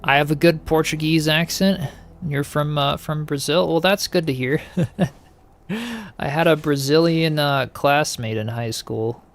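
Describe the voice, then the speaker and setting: A game streamer chats casually while playing and reading viewer comments, easygoing and musing as his thoughts often trail off. His voice is a little high and his pace measured.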